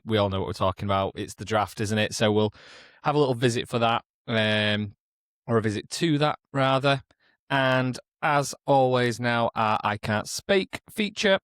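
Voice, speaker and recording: Relaxed man, rambling and dry. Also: lowish voice, clean tone, dry recording. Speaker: podcast co-host. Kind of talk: casual sports podcast chat. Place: kitchen.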